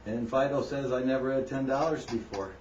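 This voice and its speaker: A man telling a long joke on a talk show, halting often with fillers and restarts. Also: medium pitch, darkish tone. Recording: echoey room, distant mic, muffled.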